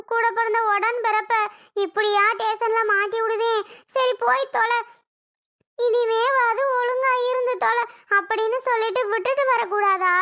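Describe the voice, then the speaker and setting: A woman putting on a grieving old mother for a cartoon, her voice very high and bright as she wails and complains. She sounds tearful and wronged throughout. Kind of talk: animated cartoon voice acting.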